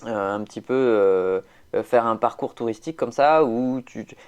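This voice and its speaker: A man's voice: medium pitch, normal speed, smooth, highs cut off. A man chatting casually on a podcast, rambling with many fillers and restarts. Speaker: podcast host.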